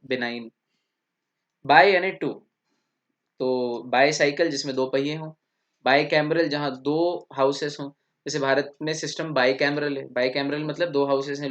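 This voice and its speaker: A man with an Indian accent giving an English vocabulary lecture, explaining step by step and checking in with his students. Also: mid-range voice. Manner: explains step by step, asks "theek?" often. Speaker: English teacher. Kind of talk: classroom lecture. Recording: dull lo-fi recording.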